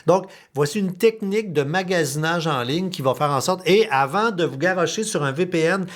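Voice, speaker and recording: Lively Québécois man hosting a podcast. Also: fairly high pitch, normal speed. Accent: Québécois French. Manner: animated, colloquial, swears casually. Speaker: podcast host. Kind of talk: casual podcast chat.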